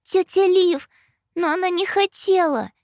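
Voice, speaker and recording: A woman puts on the voice of a small ghost boy speaking through someone else. It is high and plaintive, pleading gently, and the recording is dry and close, as in an audiobook. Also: unhurried, dry recording.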